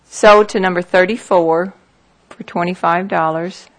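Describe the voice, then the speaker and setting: Slow, methodical woman auctioneer. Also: on the low side, steady tone, rough recording. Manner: measured, methodical, repetitive, number by number. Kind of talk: formal auction calling, reading out parcel numbers.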